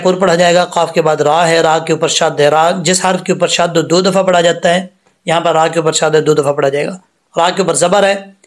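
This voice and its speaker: A man teaching Quran recitation rules step by step, explaining patiently and reciting each word slowly with drawn-out vowels. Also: fairly high pitch. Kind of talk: step-by-step tajweed lesson.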